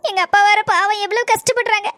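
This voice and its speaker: A woman's voice: very high-pitched, fairly even intonation, fast talker, bright, forceful tone, a little hiss or hum. A woman with a southern Tamil accent voicing an anxious young girl talking to herself in bewilderment, in a cartoon. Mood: bewildered. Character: anxious young girl, worried about her father.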